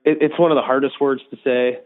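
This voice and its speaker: A man's voice: mid-range voice, steady tone, fast. A middle-aged man being interviewed as a guest, speaking in an easygoing, reflective way and laughing easily. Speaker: guest, mental health association director. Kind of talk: casual interview chat. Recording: tinny phone line.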